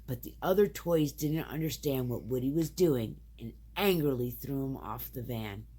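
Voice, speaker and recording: A young woman reading a children's storybook aloud to her child, in an expressive, sing-song way. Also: extremely low pitch, moderate pace, husky.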